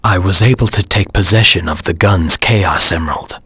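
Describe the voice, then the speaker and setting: Shadow the Hedgehog, deep husky brooding antihero. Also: male voice, normal speed, pushed and bright, dry recording, clean studio sound, exaggerated voice. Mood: brooding recap. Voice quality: gravelly, husky low voice. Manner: brooding, terse, stern, menacing. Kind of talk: dramatic video game voice acting.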